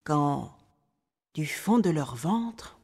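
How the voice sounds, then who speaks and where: A woman reading a fairy tale aloud in a measured, expressive way. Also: deep voice, slightly rough. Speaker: storyteller. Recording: long hall reverb.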